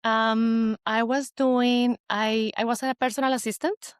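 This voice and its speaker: A woman's voice: a little high, flat delivery, measured pace, smooth, no echo, studio quality. A woman in her forties from Colombia, with a Colombian Spanish accent, talking about her business as an interview guest in a hesitant, restarting way. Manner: hesitant, many fillers and restarts. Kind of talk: casual interview chat.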